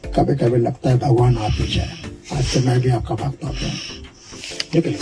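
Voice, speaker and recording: A man doing live stand-up comedy with brisk joking patter. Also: mid-range voice, fairly even intonation, loud music behind the voice.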